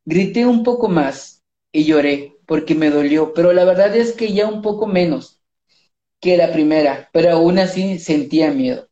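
A podcast co-host with a Mexican accent, reading an erotic story aloud in a drawn-out casual way, laughing and hesitating. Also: mid-range voice, lively intonation, dark tone. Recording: dull, roomy lo-fi recording.

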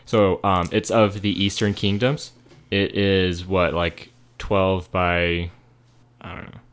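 A man's voice: deep voice, little pitch movement, slow pace, clean tone. A man co-hosting a casual podcast, talking with enthusiasm and plenty of fillers. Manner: enthusiastic, rambling with many fillers. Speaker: podcast co-host. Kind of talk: casual chat.

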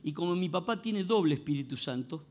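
A male pastor, preaching a sermon in a church with animated storytelling and questions to the congregation. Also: on the high side, a little fast, faint music behind. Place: church sanctuary.

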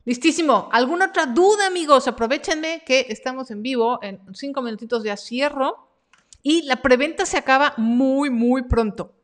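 A woman's voice: sits high, moderate pace. A woman hosting a live stream Q&A about her freelance workshop, reading viewer comments aloud in a chatty, encouraging way.

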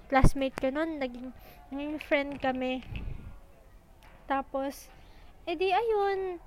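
A young woman telling school stories in a casual, chatty, animated way, a little out of breath. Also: high-pitched, poor audio. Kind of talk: casual storytelling.

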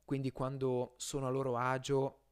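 A man hosting an informal philosophy lesson, explaining aloud in a halting way, often correcting himself and stretching out words as he goes. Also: medium pitch, monotone, clean tone. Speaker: host of a philosophy podcast series.

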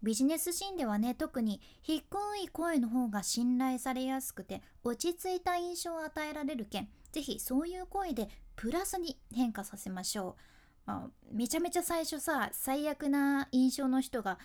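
High-voiced woman with Kyushu dialect. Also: animated, normal speed, a little mellow. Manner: chatty, laughs often, self-teasing. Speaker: speaking coach, freelance announcer. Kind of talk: casual instructional talk.

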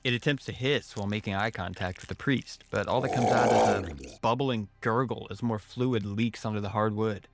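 A man's voice: lowish voice, no room sound. A man narrating a scripted first-person horror story in a wry manner.

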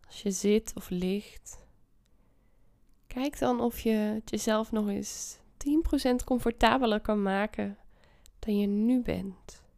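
A woman guiding a meditation softly and soothingly, half whispering close to the ear, slowly and with long pauses. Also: medium pitch, creaky, dry recording. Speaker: meditation podcast host. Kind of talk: guided meditation.

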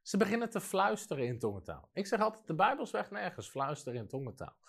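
A man's voice: sits high, quick pace, gravelly. A man preaching a sermon in a studio, telling stories and acting out the voices of the people in them. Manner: lively storytelling, acts out quoted voices.

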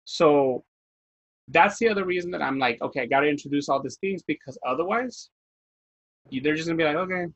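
A man's voice: on the high side, brisk, fairly bright tone, dry recording, dull audio. A man and educator, a guest in a casual interview, talking earnestly and reflectively about teaching. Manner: earnest, reflective, with filler-heavy restarts.

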